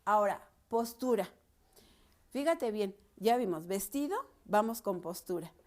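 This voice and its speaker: A woman's voice: medium pitch, animated, a little slow, darkish tone. A woman with a Mexican Spanish accent teaching a lesson on preaching, talking to the listener directly in a casual way, with restarts and fillers. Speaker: preaching instructor.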